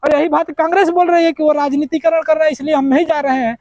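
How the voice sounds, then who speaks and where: Combative high-voiced male commentator. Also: steady tone, quick pace, darkish tone. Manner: combative, fires rhetorical questions. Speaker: political commentator. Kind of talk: heated rebuttal commentary addressed to viewers.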